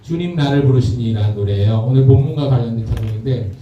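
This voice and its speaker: A man, a pastor, preaching a lively youth sermon and leading the congregation in shouted call-and-response chants in a church worship hall. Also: mid-range voice, fast talker, muffled recording, noisy background. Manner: energetic, leads the crowd in shouted chants. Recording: echoey hall, mic from far off.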